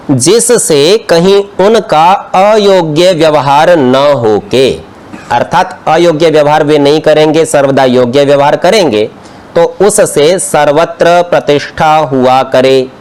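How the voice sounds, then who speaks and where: A man's voice: fairly high pitch, darkish tone. A man giving a scripture study lesson, explaining terms one at a time with everyday examples. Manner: explains slowly, term by term, with examples. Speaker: religious teacher. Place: outdoor courtyard class.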